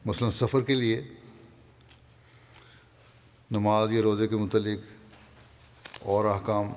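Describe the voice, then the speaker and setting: A man with a Pakistani Urdu accent delivering a Friday sermon, calmly reading and explaining quoted passages. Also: lowish voice, long reverb tail, slight background noise. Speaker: religious leader giving a Friday sermon.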